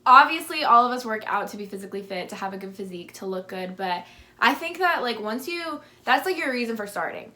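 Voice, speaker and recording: Slightly high, bright and forceful, her voice moves fairly quickly with lively intonation. The speaker is a twenty-something fitness vlogger with a lisp, casually answering viewer questions on camera and peppering her chatter with "like".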